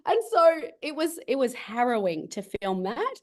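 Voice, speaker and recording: A chatty, middle-aged woman with a fairly high voice tells a long story in a relaxed interview. She rambles, laughs often and talks with a lot of bubbly energy. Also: moderate pace. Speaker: cosmetics business founder, grant winner. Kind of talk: casual video-call interview.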